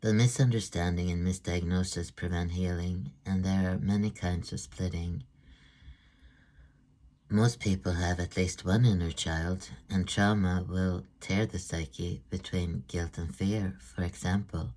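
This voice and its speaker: Low, flat-voiced man. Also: measured pace. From Sweden. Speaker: author. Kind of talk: read-aloud book presentation.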